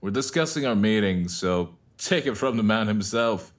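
A man voicing a curt, offhand male underling in an audio drama, speaking flatly. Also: on the low side, moderate pace, a little hiss or hum, lightly acted.

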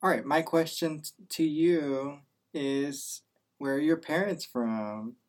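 Speaking slowly in a fairly high pitch, a nineteen-year-old podcast co-host and business student starts with a scripted introduction. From there he drifts into relaxed, playful chat with plenty of teasing.

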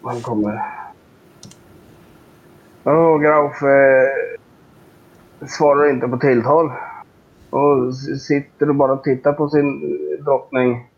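A man's voice: mid-range voice, steady tone, pauses often, slightly rough, dull audio. A man playing a tabletop game, talking in a hesitant, fretful way. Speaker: player.

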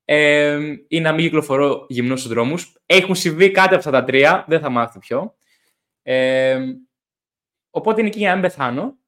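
A young man chats casually on his podcast and acts out his stories with lots of animation. His voice sits a little high, and he swears freely. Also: expressive, fairly bright tone. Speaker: podcast host.

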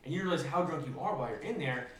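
A man's voice: a little high, expressive, rapid-fire, roomy sound, far from the mic, background noise. A man talking candidly and casually on a podcast, swearing freely. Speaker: podcast co-host. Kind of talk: casual chat.

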